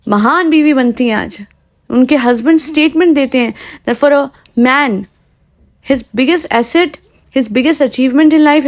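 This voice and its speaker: A woman with a bright, high voice hosts a commentary podcast. She talks in an indignant, sarcastic way and mixes Hindi with English. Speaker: podcast host.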